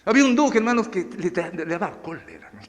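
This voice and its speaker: Animated preacher, high and echoey. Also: male voice, quick pace. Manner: animated, keeps addressing the congregation as brothers. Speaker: pastor. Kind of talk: sermon. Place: church.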